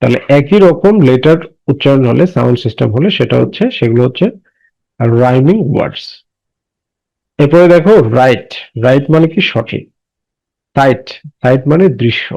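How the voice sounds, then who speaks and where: A man teaching a class. He asks questions and answers them himself, and reads English sentences slowly and deliberately. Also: mid-range voice, vocal fry, mellow. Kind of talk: classroom lesson explaining English words in Bengali. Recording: dull lo-fi recording.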